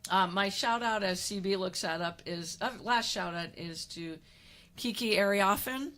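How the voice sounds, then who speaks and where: A woman's voice: medium pitch, a little slow, crowd noise. A woman in her fifties hosting a casual sports talk show, telling stories in a rambling, chatty way with many restarts. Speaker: host.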